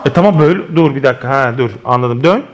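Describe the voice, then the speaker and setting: A man's voice: mid-range voice, expressive, fast talker. A man speaking to viewers in a casual family vlog at home, playfully coaxing a child. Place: at home indoors.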